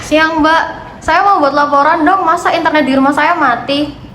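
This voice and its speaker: High-voiced, fed-up female customer, acted by a woman. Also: steady tone, normal speed, fairly bright tone, a little hiss or hum. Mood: complaining. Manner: informal, grumbling. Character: fed-up female customer complaining about broken internet. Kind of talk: amateur role-play, casual colloquial speech. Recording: echoey room.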